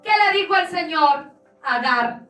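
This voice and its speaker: High, bright-voiced woman pastor preaching. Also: expressive, unhurried, reverberant, recorded from a distance, faint music behind. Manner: fervent, repetitive preaching cadence. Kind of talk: sermon.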